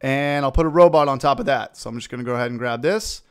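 Casting note: man, mid pitch, smooth resonant voice, casual upbeat tutorial host narrating his clicks. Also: fast talker. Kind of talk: screen-recorded software tutorial.

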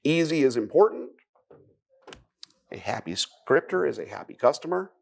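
A man giving a live technical conference talk, conversational, with wry asides and quick questions to the audience. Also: fairly high pitch, big pitch swings, gravelly. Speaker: conference speaker.

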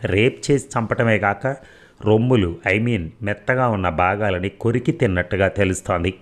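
A matter-of-fact doctor, clinical and explanatory, as a man reads him. The reading is deep and low-pitched, from an audio novel. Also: moderate pace, close to an everyday voice.

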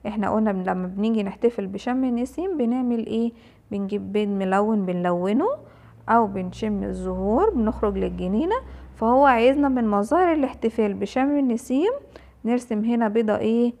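A young woman with an Egyptian Arabic accent, teaching an English phonics lesson to small children and repeating each sound slowly. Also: a little high, creaky, mellow. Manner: slow, drawn-out sounding of letters and words, repeated for children.

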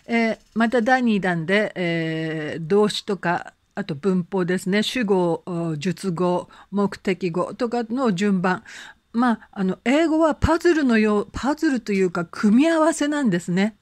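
Gentle, encouraging woman teacher, dry sound. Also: medium pitch, animated, no room sound. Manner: gentle, encouraging, with frequent fillers; slow, careful spoken English examples for learners to repeat. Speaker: English conversation teacher. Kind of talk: online English lesson.

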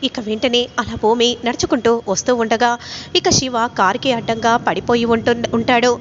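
A woman's voice: steady tone, moderate pace. A woman retelling a TV serial episode, narrating scenes and reading out each character's dialogue. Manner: retells scenes with quoted dialogue, rising pitch in emotional lines. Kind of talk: storytelling recap of a TV serial, voicing all characters. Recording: slightly dull audio with faint noise.

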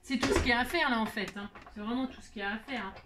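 A woman's voice: fairly high pitch, racing, background noise. A tired woman hosting a casual crafting tutorial, chatty and self-mocking, talking straight to her viewers.

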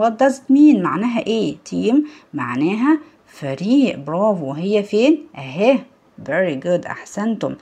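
Lively, husky Egyptian woman teacher. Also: medium pitch. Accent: Egyptian Arabic. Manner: asks the children questions and praises them. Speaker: primary school English teacher. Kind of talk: recorded lesson for young pupils.

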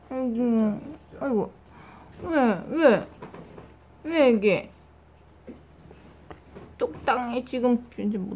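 A mother murmurs soft, coaxing baby talk as she spoon-feeds her little one, her fairly high voice swooping up and down in a sing-song lilt. She talks slowly and repeats little chewing sounds to encourage each bite. Steady background noise runs under the home recording. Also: creaky. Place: home, at the baby's feeding chair.

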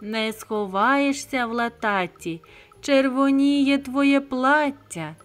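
A woman voicing a gleeful, hungry male stork who teases in a slow sing-song way in a storybook tale. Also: medium pitch, animated, fairly bright tone, soft background music. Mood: sing-song teasing.

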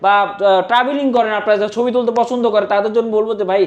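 Very fast Bangladeshi hard-sell phone seller. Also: medium pitch, fairly even intonation, dull audio. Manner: insistent, repetitive, urging. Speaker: phone shop salesperson. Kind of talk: hard-sell promotional product pitch.

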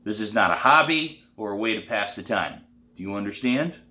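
A man's voice: fairly low pitch, lively intonation, fairly quick, bright, forceful tone, echoey room. A man voicing a blunt, stern drum teacher. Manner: blunt, firm, demanding. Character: stern, no-nonsense adult male drum teacher.

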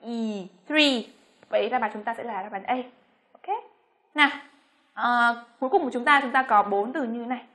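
A Vietnamese woman teaching English pronunciation, speaking slowly on her model words between quicker explanations. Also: fairly high pitch, sharp tone. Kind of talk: pronunciation lesson.

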